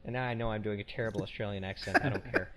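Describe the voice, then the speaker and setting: A man's voice: lowish voice, fairly even intonation, racing, pushed and bright, slight background noise. A man hosting a casual podcast, rambling and self-correcting with a joking tone. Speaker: podcast host.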